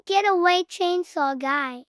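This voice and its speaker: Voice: very high voice, slow, noisy background. A performer voicing a frightened young child in a horror skit.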